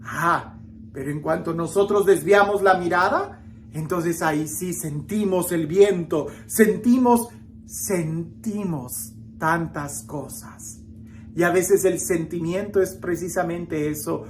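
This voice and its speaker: A woman reading the gospel and giving a reflective homily, slow and expressive, with dramatic emphasis and small restarts. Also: on the low side, soft background music. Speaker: preacher.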